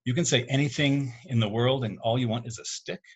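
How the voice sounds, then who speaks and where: A man voicing a calm, self-deprecating middle-aged father in a read-aloud story, close to his own voice. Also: medium pitch, a little fast, breathy edge, natural voice. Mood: joking. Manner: calm, gently joking.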